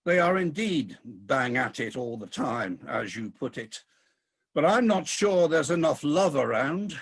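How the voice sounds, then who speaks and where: Playing a tired, disillusioned old king of the gods in a comic radio play, a man uses a slightly high, husky, heavily acted voice. He's very animated yet measured in pace, grumbling theatrically in a resigned, musing mood.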